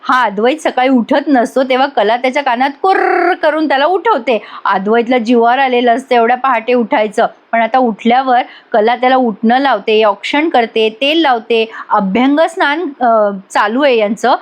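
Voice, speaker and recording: A woman's voice: fairly high pitch, moderate pace, few pauses. A woman giving a chatty voice-over review of a TV serial episode, storytelling and addressing viewers directly.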